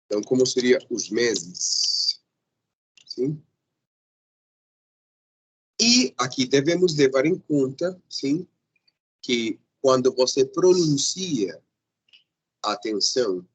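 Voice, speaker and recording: Male teacher, unhurried, slightly husky; patient explainer who keeps checking in with the class. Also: mid-range voice, big pitch swings, rough recording. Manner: patient, checks in often with a questioning "sim?". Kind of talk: grammar lesson.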